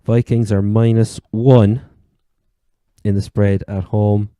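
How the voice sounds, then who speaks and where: A man's voice: on the low side, little pitch movement, slow pace, warm tone, no room sound, studio quality. A man with an Irish accent from Cork, hosting a casual sports chat. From Ireland. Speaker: sports podcast host.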